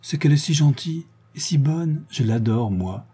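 A man voicing an eager little boy who chatters with excitement in a read-aloud novel. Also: a little high, normal speed, slightly rough, pitched above the performer's own voice.

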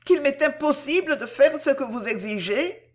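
A distressed, virtuous young heiress answers in soft, earnest, pained phrases, as a woman reads her. The storybook voice sits a little higher and swings widely in pitch. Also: animated, moderate pace. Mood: anguished. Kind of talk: audiobook character reading.

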